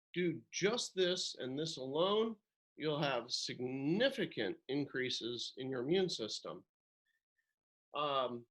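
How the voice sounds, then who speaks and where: A man with a slightly high voice works as a breathing instructor. He gives short, measured directions at a very unhurried pace and leaves pauses between them. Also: fairly bright tone.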